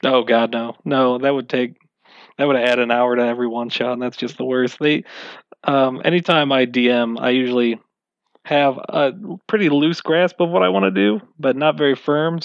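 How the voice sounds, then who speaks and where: A man's voice: mid-range voice, dry recording. Wry, rambling man, dull dry audio. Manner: rambling, wry and self-mocking. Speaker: game master being interviewed. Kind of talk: casual interview answers.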